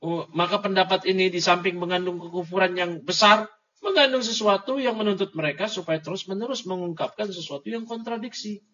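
A religious teacher leads an Islamic book study, reading Arabic passages aloud and then explaining them in colloquial speech, with mocking, jokey asides for his listeners. His voice is high-pitched and sharp, and he talks fairly quickly. The audio is dull and lo-fi.

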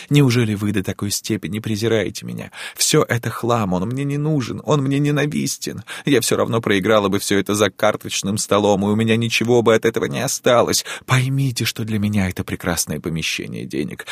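A man's voice: lowish voice, no echo, voice pushed up. A man voicing a passionate pleading countess. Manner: dramatic, impassioned, imploring. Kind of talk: audiobook character reading.

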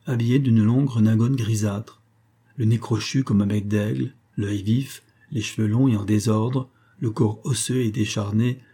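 A man reading a tale as an audiobook in a measured, steady way. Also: on the low side, slightly rough. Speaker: audiobook reader.

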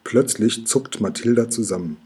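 A man reading a children's book aloud as narrator, calm and hushed, slowing down for the tense moments. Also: mid-range voice, slightly rough.

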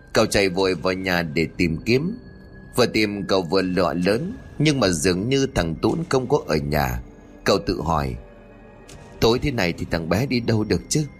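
A man narrating a ghost story in an expressive storytelling voice, faint music behind. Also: sits low. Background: faint background music.

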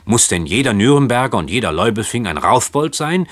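A man's voice: mid-range voice, very animated, fairly quick, a bit bright, no echo. A man reading aloud voices an indignant old merchant uncle who scolds sarcastically. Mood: scornful. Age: older.

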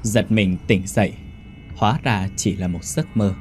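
A man reading a horror story aloud in a measured, unhurried way. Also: lowish voice, a little mellow, faint music behind. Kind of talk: scripted horror narration.

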